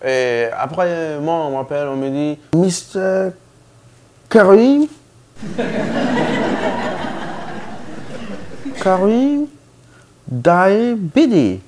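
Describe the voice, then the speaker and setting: A man telling a comic story with many fillers, animated, putting on high voices for the people he quotes. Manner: slow, hesitant delivery with many fillers.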